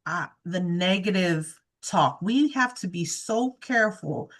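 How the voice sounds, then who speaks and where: A woman's voice: on the low side, lively intonation, a little slow. A woman who cares for her parents, speaking candidly and practically in a casual heartfelt conversation. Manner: candid, thoughtful, practical, with some "um"s. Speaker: family caregiver for her parents.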